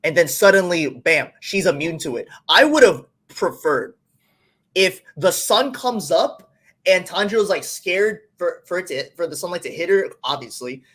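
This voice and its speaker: A man's voice: high voice, normal speed. A man guesting on a casual podcast, telling stories with energy, acting out quotes, swearing and laughing. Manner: animated storyteller, acts out quotes, swears, laughs. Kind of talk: casual chat.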